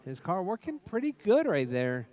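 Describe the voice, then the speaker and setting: A man's voice: sits high, huge pitch swings, normal speed, darkish tone. A man giving live race commentary like a spotter, in repetitive clipped calls of running order and cautions. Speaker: race announcer.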